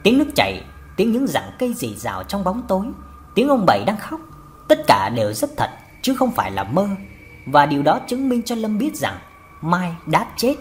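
Lively, low-voiced woman narrating a ghost story. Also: normal speed, slight background noise. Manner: expressive, dramatic. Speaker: audiobook narrator.

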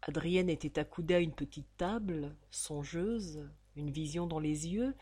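A woman reading a novel aloud as an audiobook narrator, in an expressive, theatrical manner. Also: low voice, a little slow, slightly rough. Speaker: audiobook reader.

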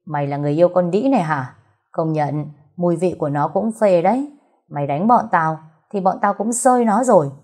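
A woman voicing a crude male street thug who taunts loudly and fast. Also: lowish voice, natural voice. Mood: taunting. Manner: loud, sneering and fast.

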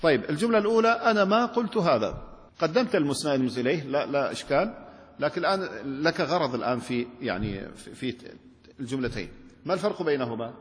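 Fast-talking sheikh in an echoey hall. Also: male voice, on the high side. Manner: lively, asks students questions, many restarts. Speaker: sheikh teaching Arabic rhetoric. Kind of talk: classroom lecture. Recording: long hall reverb.

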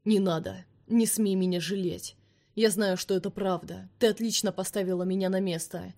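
A woman voicing a fierce, scornful vampire man in an audiobook, speaking forcefully and commandingly. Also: mid-range voice, fairly even intonation, moderate pace, close to an everyday voice. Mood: cold.

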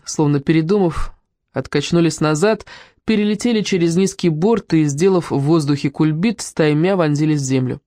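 A narrator reading a comic novel aloud with an expressive delivery. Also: medium pitch, dry recording, studio quality.

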